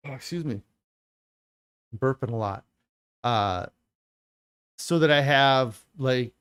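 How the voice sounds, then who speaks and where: A man giving a casual spoken diet update as a vlogger, halting with many fillers and restarts. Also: mid-range voice, clean tone, no echo.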